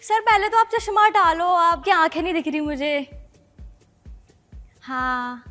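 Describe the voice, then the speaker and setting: A woman's voice: very high-pitched, measured pace, pushed and bright, big-room sound, faint music behind. A woman doing a nervous, rambling, flirty stand-up set on a comedy show stage.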